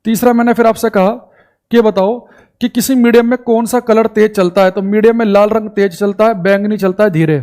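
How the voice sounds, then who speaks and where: In his live online lesson, a man with a high, steady voice that's a little mellow chats informally and refers to students as "bhai." He goes over definitions slowly and repeats key points for note-taking, but gets exasperated as students complain about the audio.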